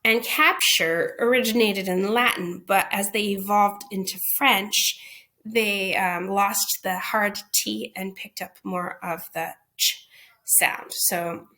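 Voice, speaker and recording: A woman's voice: mid-range voice, fairly even intonation, slow pace, sharp tone. A woman answering teachers' questions in a recorded phonics lesson, explaining patiently and checking in with "okay?" and "right?".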